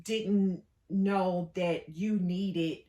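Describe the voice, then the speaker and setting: A woman telling a story about her marriage to viewers in a casual, animated way. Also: on the low side, drawn-out words. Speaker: co-host.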